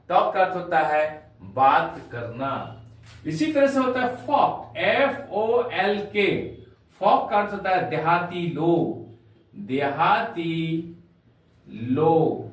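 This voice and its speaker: A high-pitched man teaching an English lesson, spelling out words one letter at a time at an unhurried pace. His voice swings up and down a lot as he explains. He sounds far from the mic in a very echoey room. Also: big pitch swings, fairly bright tone. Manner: slow, spells words letter by letter, calls viewers dear children.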